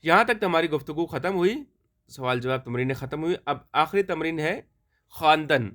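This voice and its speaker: A man teaching a Farsi lesson, reading sentences slowly for pronunciation and explaining them quickly. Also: a little high, lively intonation, fairly bright tone. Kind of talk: language lesson explained in Urdu.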